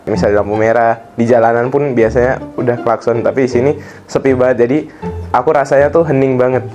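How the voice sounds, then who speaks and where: Seorang pria muda berusia sembilan belas tahun asal Ambon, mahasiswa, menjawab wawancara dengan tenang dan reflektif. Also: male voice, mid-range voice, fairly even intonation, fast, a little mellow, lo-fi sound, soft background music. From Ambon, Indonesia. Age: young adult. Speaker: university student. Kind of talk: casual interview answers.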